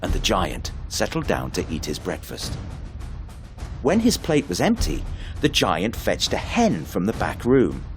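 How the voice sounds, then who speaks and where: A man narrating a fairy tale in an expressive, unhurried storybook reading. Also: lowish voice, faint music behind.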